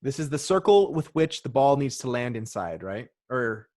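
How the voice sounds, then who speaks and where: A man's voice: mid-range voice, big pitch swings, moderate pace, warm tone. Casual man hosting a trivia quiz. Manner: reads quiz questions and options, joking asides. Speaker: podcast host running a trivia quiz. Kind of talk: casual podcast chat.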